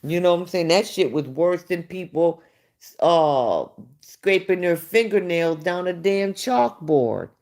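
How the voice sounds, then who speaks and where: Woman, livestream gossip host, blunt and profane, low-pitched, mellow tone. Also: animated, unhurried. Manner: talks back to viewers. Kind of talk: casual gossip commentary.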